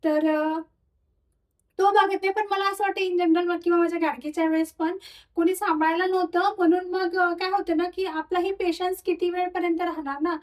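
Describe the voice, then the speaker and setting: High-voiced chatty mom vlogging at home. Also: female voice, fairly even intonation, moderate pace, far from the mic. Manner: chatty, mixes English words, soothes a crying baby. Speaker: vlogger mother. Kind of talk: casual home vlog chat. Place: home, indoors.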